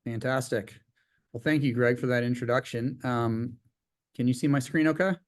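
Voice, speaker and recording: A man's voice: mid-range voice, fairly even intonation, normal speed. A middle-aged man from Virginia, a company CEO, giving an upbeat, conversational webinar presentation over a video call, with frequent fillers.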